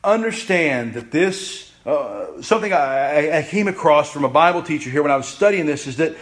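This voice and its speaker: Guy preaching, kinda high voice, punchy, repeats himself, speeds up then drags. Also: lively intonation. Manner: emphatic, repeats phrases, pace swings from rushed to slow. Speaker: pastor. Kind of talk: sermon.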